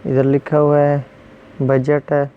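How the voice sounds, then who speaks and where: A man teaching English pronunciation, repeating each rule and word slowly and then giving its meaning. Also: a little high, monotone, clear, resonant tone, phone-quality sound. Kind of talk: explaining pronunciation rules.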